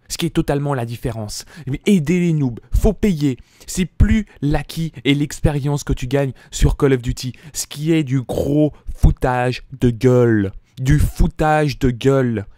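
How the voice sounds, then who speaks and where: A man's voice: no echo, studio quality. A young man, a gaming YouTuber delivering an angry, swearing rant over gameplay on a desk mic. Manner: furious, swearing, pitch jumping up when shouting.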